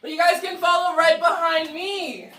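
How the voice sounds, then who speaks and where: A very high, bright female voice with a steady, forceful tone comes from a tour guide speaking at normal speed to a group underground. The hard rock walls of the cavern produce a strong echo, and the far-off mic adds faint noise.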